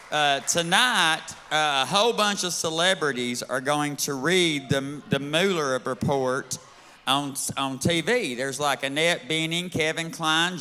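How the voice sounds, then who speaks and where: A man's voice: a little high, sharp tone, clear, resonant tone, long reverb tail. A man with a Southern US accent doing a brash, bawdy, drawling live stand-up set on a bar stage. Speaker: stand-up comedian.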